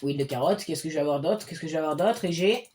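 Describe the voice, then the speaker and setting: A man giving casual gameplay commentary as a streamer, excitable and often bursting into loud cheers. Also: on the high side, fast talker. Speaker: game streamer.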